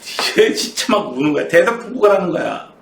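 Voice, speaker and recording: A man's voice: high-pitched, animated, moderate pace, vocal fry, fairly bright tone. A middle-aged man teaching math in a classroom and telling a story, chatty and often asking students questions, recorded from a distance in an echoey room. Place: academy classroom in Seoul.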